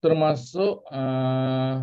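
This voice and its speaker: A man's voice: mid-range voice, steady tone, very slow, mellow, clear, resonant tone. A man with an Indonesian accent teaching a church Bible class in a casual, chatty way, asking questions and repeating key words. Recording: dull lo-fi recording.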